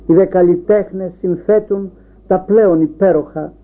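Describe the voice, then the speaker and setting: Man, preacher, Orthodox sermon, rhetorical repeated questions, high-pitched, tinny phone-like recording. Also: fairly even intonation.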